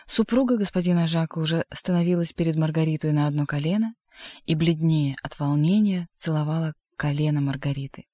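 A narrator giving a measured, expressive reading of a literary audiobook. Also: medium pitch, dry recording, clean studio sound.

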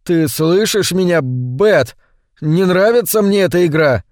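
A man's voice: fairly high pitch, very animated, slow pace, no echo, clean studio sound, heavily acted. A man voicing a terrified grown man who calls out in fear and pleads in panic. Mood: frightened. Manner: frightened pleading shouts.

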